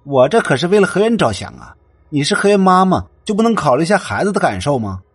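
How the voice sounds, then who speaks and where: A man's voice: medium pitch, very animated, moderate pace, darkish tone, breathy edge, no echo. A man voicing a stern but earnest male university counselor who tries to mediate between mother and daughter. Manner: stern, then pleading.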